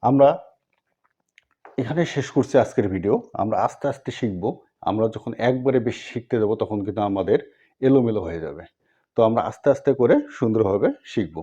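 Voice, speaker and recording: A man teaching a basic language class, drilling sounds slowly and patiently and speaking straight to his viewers. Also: on the low side, warm tone, breathy edge. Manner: slow, repetitive drilling with pauses; patient, addresses viewers directly. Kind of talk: step-by-step language lesson.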